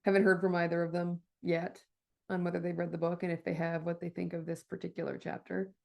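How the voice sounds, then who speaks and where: A woman's voice: fairly low pitch, flat delivery, fast, creaky, a little mellow. A woman co-hosting a podcast, asking curious, probing questions with a playful edge. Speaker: podcast co-host. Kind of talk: casual conversational podcast.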